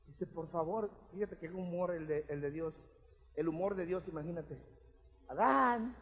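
A man's voice: very high-pitched, fairly bright tone. A man, preaching a sermon as pastor in a conversational way, often checking in with his listeners. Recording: long hall reverb.

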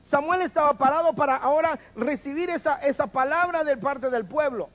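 A man's voice: very high voice, moderate pace, a bit bright, muffled recording. A man preaching a sermon, firing rhetorical questions at the congregation and having them repeat after him.

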